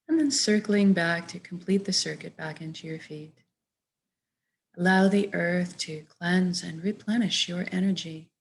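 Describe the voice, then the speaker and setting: In a fairly low voice, a woman speaks gently, softly and at a measured pace while offering soothing guided-meditation instructions.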